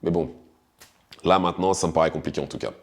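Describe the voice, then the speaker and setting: A man's voice: rumbling low, quick pace. A man giving casual, hesitant spoken analysis of a boxing match, often restarting his sentences as he thinks aloud. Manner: hesitant, many restarts and fillers, conversational. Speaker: boxing commentator.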